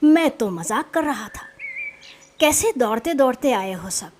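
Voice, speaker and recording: A mischievous young shepherd boy shouts and jeers in a high, bright voice, as a woman narrator puts him on. He speaks slowly and loudly for a children's storybook. There is a faint hum of background noise. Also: lively intonation. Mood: mocking laughter. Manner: loud shouting cries and mocking laughter.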